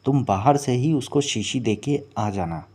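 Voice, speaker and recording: A man voicing a scheming female mermaid who is calm and vengeful, in a slow, hushed storytelling manner. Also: mid-range voice. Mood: instructing.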